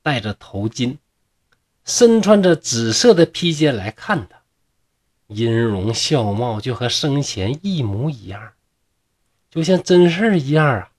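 A man with a Northeastern Mandarin accent narrating a classic ghost tale in a humorous, chatty way, drawing out his filler words. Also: medium pitch. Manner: lively, chatty, drawn-out fillers. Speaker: storyteller.

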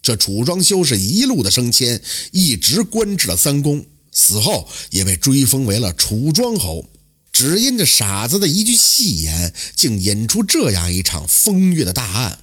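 A man tells a traditional folk tale in an animated oral-storytelling style, his husky, slightly breathy voice swinging widely in pitch as he dramatizes it. He speaks at normal speed with lively, dramatic intonation.

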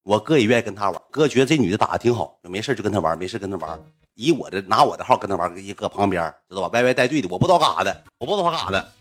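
Fast, rambling Northeastern Chinese storyteller. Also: male voice, on the low side, very animated. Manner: rambling, slangy, chatty. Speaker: storyteller streamer. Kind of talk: casual storytelling livestream. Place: at home.

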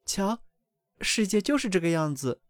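A man voicing a doting, fussy mother duck in a storybook reading, with a high, excited, scolding voice. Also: normal speed, dry recording, studio quality. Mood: proud.

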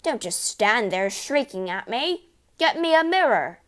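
A woman voicing a blustering, indignant middle-aged father in a storybook, shouting in outrage and panic. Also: on the low side, big pitch swings, a little slow. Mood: furious.

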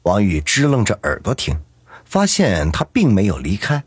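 A man narrating an audiobook in a lively, dramatic storytelling manner. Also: lowish voice, normal speed, slightly rough, no room sound, studio quality.

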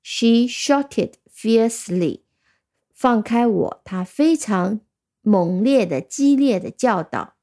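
Middle-aged female teacher, dark mellow tone, patient explainer who spells words out. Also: a little high, lively intonation, slow. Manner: patient, spells words out letter by letter and repeats examples. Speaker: English teacher. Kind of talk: explanatory language lesson.

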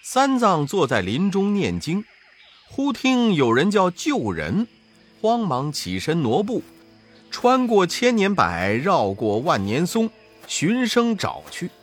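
Slow, lively male storyteller. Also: high voice, faint music behind. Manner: expressive, rising and falling for effect. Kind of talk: storybook narration.

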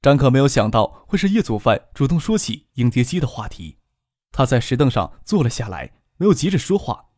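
A man reads an audiobook in a steady, unhurried storytelling voice. His pitch sits in the middle of the male range. The recording is dry and close, with no room sound. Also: dry recording. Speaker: audiobook narrator. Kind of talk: scripted audiobook narration.

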